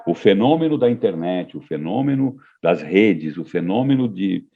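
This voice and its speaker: A man's voice: low voice, lively intonation, moderate pace, creaky, phone-quality sound. A man as a podcast guest, talking in a reflective, hesitant way with frequent restarts. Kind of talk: casual podcast conversation.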